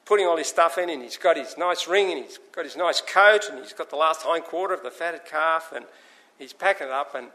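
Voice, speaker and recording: A man delivers an earnest sermon. His voice is bright and forceful and sits a little high for a man. He slips into voices for the people in his stories. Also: brisk. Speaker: preacher.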